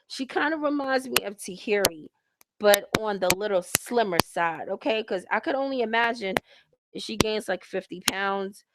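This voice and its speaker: A woman runs her own broadcast, recapping a reality show in blunt, slang-heavy rants. She speaks a little higher than most women and often lectures her listeners directly. A steady hiss sits under her voice. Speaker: host reviewing a reality show. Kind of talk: casual ranting commentary. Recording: hissy home recording.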